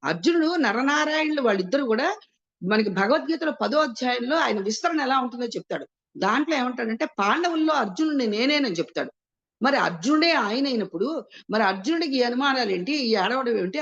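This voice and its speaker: Woman explaining scripture, higher voice, asks herself questions and answers them, muffled lo-fi sound. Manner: asks and answers her own rhetorical questions; mixes English words into her speech. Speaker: spiritual teacher.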